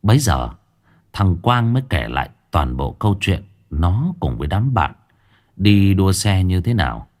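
A man narrating a ghost story in a lively, colloquial storytelling manner. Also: low voice, unhurried.

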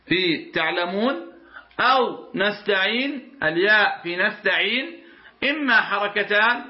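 Man, high voice, recitation teacher, asks and answers his own questions, roomy lo-fi recording. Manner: asks the class "what?" and answers himself; drawls out the words he demonstrates. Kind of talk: explaining a recitation rule line by line. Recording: roomy, dull lo-fi sound.

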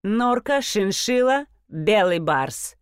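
A woman doing a greedy male fur dealer in an audiobook, all oily flattery and pushiness. His sales talk comes slow and drawn out, set against a dry, close sound. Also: mid-range voice, clear, resonant tone, no echo. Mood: wheedling.

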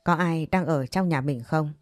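A woman's voice: low voice, moderate pace, no room sound, clean studio sound. A woman narrating a romance story in the first person, in an intimate, confiding way.

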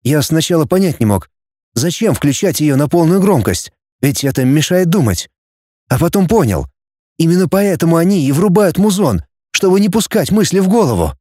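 A man's voice: a little high, big pitch swings, moderate pace, dark tone, no echo, studio quality, pitched above the performer's own voice. A man voicing a determined, earnest young hero in an audiobook.

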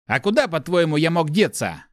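A man's voice: fairly high pitch, lively intonation, fairly quick, dry recording, studio quality, voice pushed up, close to an everyday voice. A man voicing a cold, irritable disembodied male spirit that speaks inside a young man's head, curt and scornful. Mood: cold, irritated.

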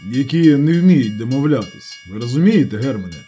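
Man voicing an irritable middle-aged businessman, stiff, formal, lecturing, lively intonation, audiobook. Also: mid-range voice, brisk, faint music behind, lightly acted.

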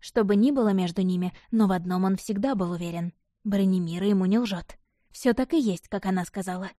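A woman narrating a fantasy audiobook in a measured, even storytelling manner. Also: mid-range voice, dry recording, studio quality.

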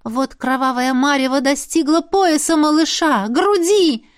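A woman reads a first-person fantasy tale in a fairly high voice, recorded dry and close. She shifts between hushed, tense passages and rising cries. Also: normal speed, no room sound. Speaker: audiobook narrator.

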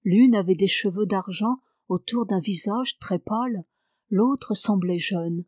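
A woman reading a novel aloud in measured, steady narration. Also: medium pitch, no room sound. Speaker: audiobook reader.

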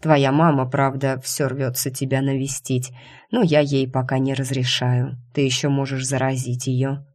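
A woman's voice: rumbling low, little pitch movement, normal speed, darkish tone. A woman reading the part of a caring, insistent male doctor who worries over his sick wife, in an audiobook. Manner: fussy and insistent about her health.

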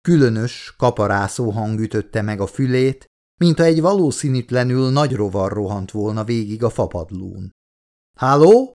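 A man narrating an audiobook in a measured, steady way. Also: on the low side. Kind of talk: scripted narration.

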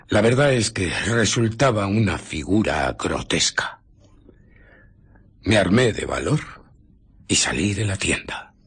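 A man with a Castilian Spanish accent playing an arrogant, amoral scientist who justifies himself in a radio drama, in a theatrical, deliberate storytelling manner. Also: lowish voice, slightly rough, full character voice. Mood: defensive. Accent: Spain.

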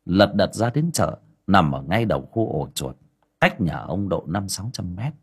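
A man narrating an audiobook in a dramatic, expressive way. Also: sits low, moderate pace, slightly rough. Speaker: storyteller.

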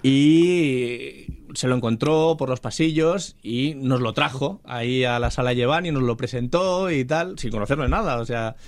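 A man's voice: mid-range voice, normal speed, no echo. A man, co-hosting a podcast and chatting enthusiastically about old films. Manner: enthusiastic storyteller. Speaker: podcast co-host. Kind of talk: casual chat about films.

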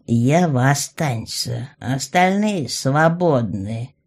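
A woman voicing a blunt, domineering old female goblin matriarch who talks slowly and curtly, with a grumbling edge. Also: rumbling low, animated, darkish tone, full character voice. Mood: commanding. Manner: slow, curt, grumbling.

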